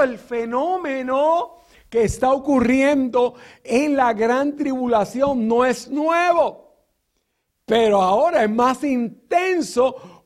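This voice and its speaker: High-voiced gravelly man preaching a sermon. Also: a little mellow. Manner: teaching Bible verses with rhetorical questions; frequent filler sounds and restarts.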